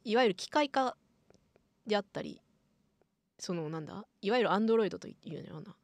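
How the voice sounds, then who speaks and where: A young woman plays a tabletop role-play, reasoning aloud. Her mid-pitched voice is measured and deliberative, picked up close and dry in a studio. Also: animated, no echo. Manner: measured, deliberative, feeling for words. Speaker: tabletop game player. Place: small padded studio room. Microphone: close studio microphone on boom arm.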